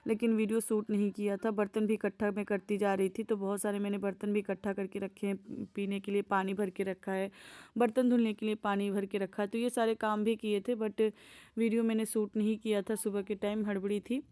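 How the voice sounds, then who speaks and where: Soft-spoken woman with an even voice. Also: mid-range voice, a little fast. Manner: homely, chatty, gentle storytelling. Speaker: vlogger. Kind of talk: voice-over narration of daily chores.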